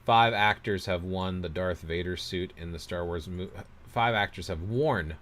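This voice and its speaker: A man with a very deep voice talks loosely on a livestream. He rambles through his opinions and cheerfully mocks himself for going on too long. He reads viewer comments aloud and answers them. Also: measured pace, a bit bright. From United States. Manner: rambling, opinionated, self-deprecating. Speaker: livestream host reading chat comments. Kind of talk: casual livestream chat.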